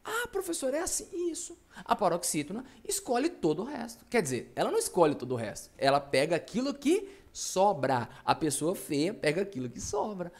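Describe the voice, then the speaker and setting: A man's voice: a little high, wildly swooping pitch, a little fast, hardly any pauses. A man teaching a grammar class, who asks his own questions, answers them, and drops jokes along the way. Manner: jokey, playful asides. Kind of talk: recorded online class lecture.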